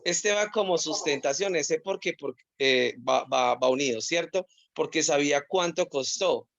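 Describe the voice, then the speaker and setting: A man's voice: on the high side, normal speed, fairly bright tone, no room sound. A man with a Colombian accent, a course participant, asks hesitantly about a spelling rule, repeating words and apologizing. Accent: Colombian Spanish. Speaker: course participant asking a question. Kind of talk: hesitant question on a video call. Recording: dry, dull video-call audio.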